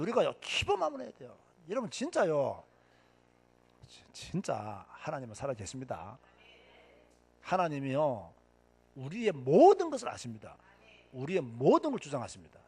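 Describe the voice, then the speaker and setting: A male pastor preaching with fire and a hot temper, his voice husky and set high. He swings widely in pitch, drives each point home by repeating it, and keeps throwing questions out to the congregation. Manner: emphatic, repeats lines for stress, asks the crowd questions; self-described hot-tempered and impatient. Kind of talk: fiery sermon to church officers.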